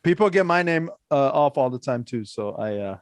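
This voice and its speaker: A man's voice: mid-range voice, expressive, brisk, no echo. A young man from Iran hosting a podcast, chatty and upbeat, laughing often in casual talk. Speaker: podcast host.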